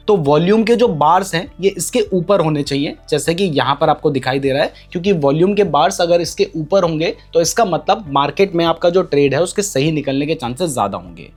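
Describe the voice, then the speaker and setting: Explaining a trading strategy on a chart, this educator points out details on screen and blends English terms into Hindi. His voice runs on the high side and sounds a little mellow.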